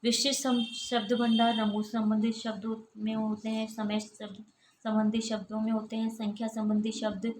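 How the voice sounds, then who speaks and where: Woman professor lecturing, slightly high voice, echoey room with faint hum behind. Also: normal speed. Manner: steady, explanatory, lists examples one by one. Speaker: assistant professor. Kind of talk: recorded college lecture.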